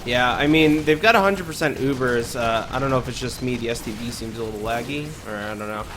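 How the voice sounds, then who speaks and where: A man casting a competitive online match live, chatty and quick, filling gaps with "um" and "I mean". His voice sits at an ordinary middle pitch, with a faint hiss of noise behind it. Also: a bit bright. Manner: quick, chatty, many fillers. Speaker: esports caster. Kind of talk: live play-by-play commentary.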